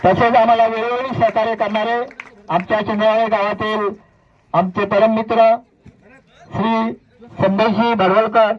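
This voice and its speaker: The announcer, a man from Konkan, India, has a high-sitting voice with a level tone, and the recording's highs are cut off. He reads names one by one at a village cricket prize ceremony in a formal, measured way.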